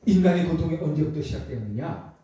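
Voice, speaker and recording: High-voiced pastor preaching in an echoing hall. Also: male voice, expressive, fast, warm tone. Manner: emphatic, many rhetorical questions to the congregation. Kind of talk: sermon. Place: church sanctuary. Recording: echoey church hall from far off.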